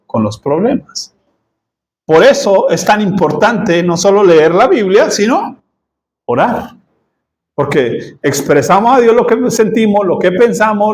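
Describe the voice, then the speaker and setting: A man preaching a sermon as pastor, conversational, often checking in with the congregation and laughing at his own jokes. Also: sits high.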